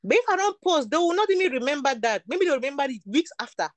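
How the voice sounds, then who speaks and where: High-pitched, very animated and quick, her voice comes through with no echo. The guest, a young Cameroonian founder of a beauty product business, speaks candidly in a casual interview, hammering her points with emphasis and repetition.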